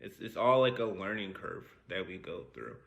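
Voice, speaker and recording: A young man co-hosts a podcast in loose, casual chat. His voice is bright and forward. He laughs easily and leans on slang. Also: deep voice, big pitch swings, moderate pace, gravelly, slight background noise. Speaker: podcast co-host.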